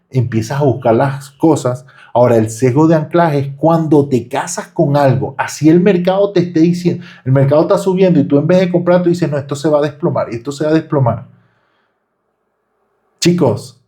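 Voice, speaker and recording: A man teaches a live online class in a lively way, often breaking off to question his students. His voice sits somewhat high and sounds warm and mellow. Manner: animated, rhetorical questions to students. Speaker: trading instructor.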